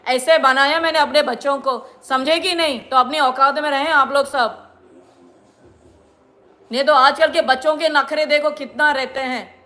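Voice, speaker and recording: High-voiced indignant woman lecturing. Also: steady tone, moderate pace, pushed and bright. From India. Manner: indignant, lecturing, repeats herself. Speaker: vlogger. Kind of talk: scolding monologue to viewers.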